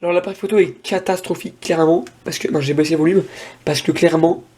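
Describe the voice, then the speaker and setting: A man's voice: on the high side, steady tone, fast talker, warm tone, slight background noise. A young man casually demoing an old tablet on camera, thinking aloud with lots of fillers and restarts. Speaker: tech vlogger. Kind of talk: casual hands-on device demo.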